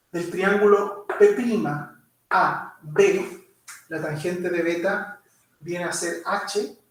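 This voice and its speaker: Male physics teacher, unhurried, recorded from afar. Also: high-pitched, a bit bright. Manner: keeps checking understanding with tag questions. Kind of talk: lecture. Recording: very echoey room, mic far off.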